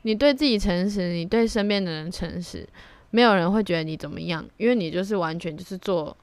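A woman's voice: lowish voice, a little fast, smooth, dry recording. A young woman hosts her own solo podcast, speaking candidly and reflectively and slipping in blunt slang. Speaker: podcast host. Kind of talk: casual solo podcast monologue.

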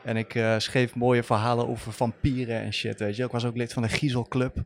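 A young man from the Netherlands, a journalist guest, telling his story in a relaxed way with casual slang. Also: mid-range voice, a little fast, crowd noise. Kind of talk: casual podcast chat.

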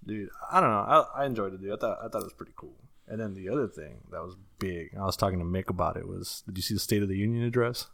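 A man with a rough, gravelly voice pitched a little low. He talks in a loose, laid-back way, dropping casual swears. The sound is dry and close. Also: very fast, fairly bright tone, no echo. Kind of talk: casual chat.

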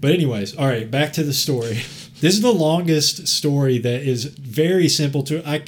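A man's voice: a little high, normal speed. A man hosting a podcast, telling a long story in a rambling, casual way, laughing often and swearing freely. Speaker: podcast host.

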